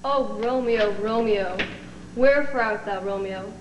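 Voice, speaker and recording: A woman's voice: mid-range voice, measured pace, close to an everyday voice. A young woman playing a lovelorn girl, reciting Shakespearean verse in a comedy skit. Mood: lovelorn, pleading. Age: young adult. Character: lovelorn young Juliet on her balcony. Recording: distant echoey noisy old TV studio tape.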